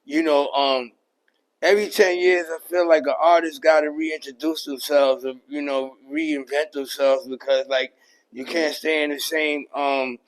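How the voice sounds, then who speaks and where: A middle-aged man, a rapper and producer talking through his career as a podcast guest, relaxed and full of "you know what I mean.". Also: a little high, measured pace, low-quality recording. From New York. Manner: laid-back, many fillers like "you know what I mean". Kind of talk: casual interview chat.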